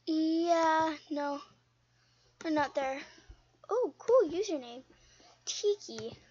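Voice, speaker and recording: A young woman chatting casually while playing an online game, rambling and quick to get indignant. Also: high-pitched, dry recording, dull audio. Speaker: game video host. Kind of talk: casual gameplay commentary.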